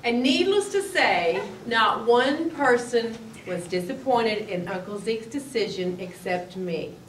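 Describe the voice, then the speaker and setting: A woman's voice: fairly high pitch, takes it slowly, slight background noise. A woman playing a chatty, confiding city woman. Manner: lively, confiding, amused. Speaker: church play actor. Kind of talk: amateur church play. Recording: roomy hall, mic far off.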